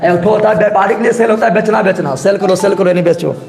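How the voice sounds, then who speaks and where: A man's voice: sits high, vocal fry, a crowd in the background. Brief: man, quiz teacher who drags out each question. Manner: drawn-out slow question reading, frequent "ठीक है ना?". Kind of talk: live group discussion quiz class.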